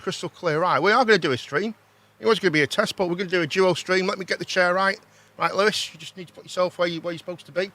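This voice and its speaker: A British man with a slightly high voice hosts a casual livestream. He talks informally, circles back over his own phrases and often tacks a question onto the end. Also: pushed and bright. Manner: informal, repeats himself, ends on tag questions. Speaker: host.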